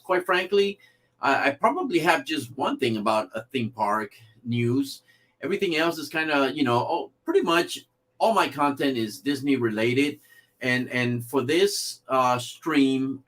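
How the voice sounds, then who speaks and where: A man's voice: a little high, a bit bright. A man hosting a casual livestream about theme park news, talking loosely with many fillers and restarts. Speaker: livestream host.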